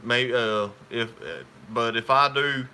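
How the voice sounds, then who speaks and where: A man's voice: mid-range voice, takes it slowly, bright, forceful tone, slight background noise. A man, hosting a casual live stream and chatting with viewers in a rambling, talkative way.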